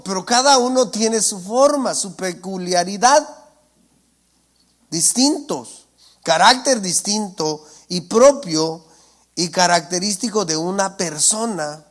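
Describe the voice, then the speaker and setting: A male preacher, giving a sermon and often asking his congregation "¿entiende?". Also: sits high. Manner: asks the congregation for assent, calls them brothers. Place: church.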